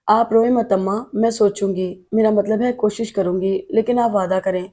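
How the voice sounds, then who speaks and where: A woman's voice: mid-range voice, fairly even intonation, mellow, close to an everyday voice. A woman voicing a worried young woman in an audiobook who earnestly reassures her mother. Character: young woman, worried and caring elder sister.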